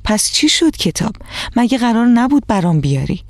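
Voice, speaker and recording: A woman's voice: on the high side, big pitch swings, no echo, pitched above the performer's own voice. An insistent young schoolgirl, as a woman narrator voices her with a raised, reproachful tone. The sound is dry and close, as in a radio storybook. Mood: asking. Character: young schoolgirl, upset over her book.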